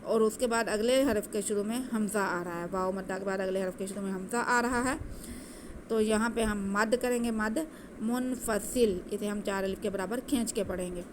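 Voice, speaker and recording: A woman teaching Quranic recitation, patiently explaining each letter and then chanting the words slowly. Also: mid-range voice, a little hiss or hum.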